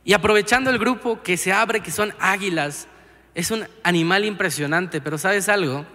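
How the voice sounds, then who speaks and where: Young man, sermon, earnest, crisp bright tone, echoing church hall. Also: high-pitched, moderate pace. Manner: earnest, keeps asking "¿sabes?" to the listener. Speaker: preacher. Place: church auditorium.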